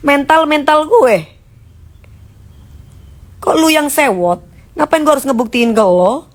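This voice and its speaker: Lady ranting live at her viewers, blunt and mocking, kinda high voice. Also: very slow, long pauses. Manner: blunt and mocking, in Jakarta slang. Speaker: live streamer answering comments. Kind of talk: casual live-stream rant.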